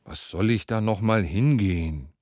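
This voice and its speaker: A man voicing a meek, reluctant fisherman in a fairy tale, speaking in a low weary way. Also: unhurried, darkish tone, no room sound, clean studio sound.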